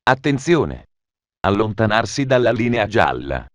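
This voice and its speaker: Low-voiced man giving automated train station announcements. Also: sing-song, no echo, studio quality. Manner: formal, measured, stitched-together phrases.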